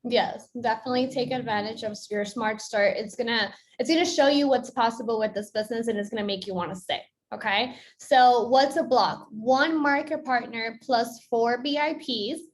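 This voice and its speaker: A young woman from Colombia walks listeners through a business onboarding in an upbeat, explanatory way. Her voice sits a little high for a woman, and she keeps checking that people are following. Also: moderate pace, few pauses. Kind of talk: explanatory presentation.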